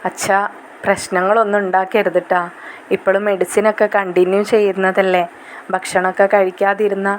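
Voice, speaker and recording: Soft dutiful daughter done by the woman telling the story, respectful, reassuring, faint hum behind. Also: medium pitch, level tone, a little fast, lightly acted. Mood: pleading. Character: grown daughter, gentle and dutiful, young woman.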